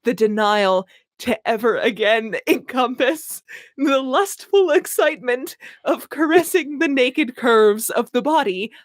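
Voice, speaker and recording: Hosting an amused comic reading through voice chat, a woman giggles, plays up the drama, and chimes in with her own comments. Her voice runs on the high side with lively intonation and an unhurried pace, recorded dry with no room sound.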